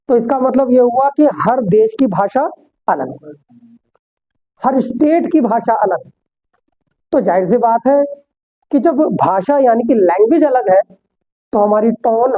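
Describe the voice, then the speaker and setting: A man teaching an English class, explaining step by step and answering his own rhetorical questions. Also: very high voice. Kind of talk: classroom lecture. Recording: tinny phone-like sound.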